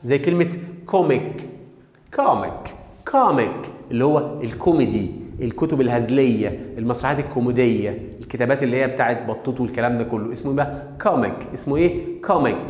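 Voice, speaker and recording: A man with an Egyptian Arabic accent teaching English phonics to children, firing off quick questions and drawing example words out slowly. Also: mid-range voice, a little mellow. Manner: drills sounds with call-and-response questions, stretching example words slowly. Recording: echoey, reverberant room.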